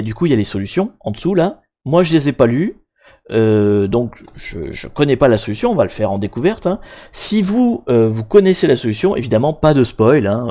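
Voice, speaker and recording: Young male streamer, casual, rambling, self-mocking, mid-pitched voice. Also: a little mellow. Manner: rambling, self-mocking, many fillers and restarts. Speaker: livestream host. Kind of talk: casual live-stream chat explaining hacking.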